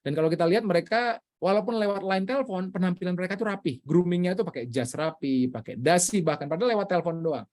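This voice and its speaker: An energetic man from Indonesia leads an online public speaking workshop over a video call. His voice sits a little high, and he swings his pitch up and down for emphasis. He mixes English phrases into his teaching. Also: quick pace.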